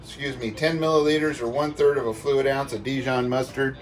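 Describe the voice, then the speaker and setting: A man's voice: medium pitch, steady tone, brisk. A man giving a casual, folksy cooking demonstration in a playful way, as a home cook talking viewers through a recipe. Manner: folksy, playful sound words and exclamations. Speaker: home cook presenting a cook-along. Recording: distant mic, faint background noise.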